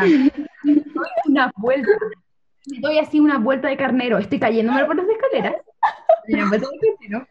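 A young woman telling a funny story among friends, animated and laughing as she goes. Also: high voice. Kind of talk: casual chat. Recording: dull lo-fi sound with faint noise.

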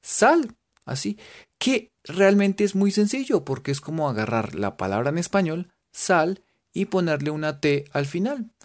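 A teacher with a Colombian Spanish accent playfully spells out English cooking words letter by letter and cracks jokes during a casual lesson. Her voice is medium-pitched and a little mellow, swinging widely in pitch at a moderate pace.

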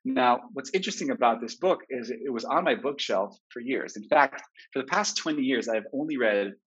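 A man in his forties from Israel, a therapist giving a webinar talk, telling his own story in a candid, reflective way, heard through low quality webinar stream audio. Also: lively intonation, brisk, a bit bright, breathy edge. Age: 40s. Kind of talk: personal storytelling lecture. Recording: dull lo-fi webinar recording.

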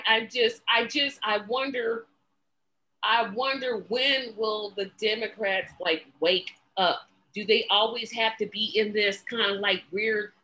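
Woman host, bright and a bit high, animated, sarcastic, restarts lines. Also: rough recording. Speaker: podcast host. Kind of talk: casual political chat.

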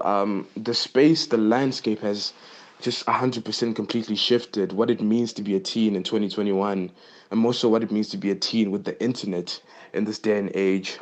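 A man's voice: lowish voice, fairly even intonation, normal speed. A teenage boy, a little out of breath, rambling impulsively as he explains things in a casual podcast monologue recorded on his phone. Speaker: podcast host. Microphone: phone voice note. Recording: dull lo-fi phone voice memo.

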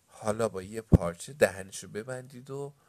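A man's voice: lowish voice, darkish tone, no echo, lightly acted. A man voicing a commanding grown man who plays a Civil War general and gives firm orders.

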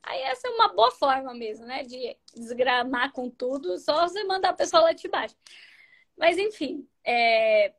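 A Brazilian woman in her thirties hosting a live stream, giving relationship advice in an animated, chatty way, acting out sample lines and sometimes dropping to a near-whisper. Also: sits high, normal speed. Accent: Brazilian Portuguese. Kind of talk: casual advice talk to viewers.

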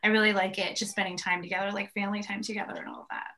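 A woman's voice: mid-range voice, flat delivery, very fast, pushed and bright. A woman from New York City, a mother and activist, talking earnestly as a guest in a casual interview from her home, with many fillers.

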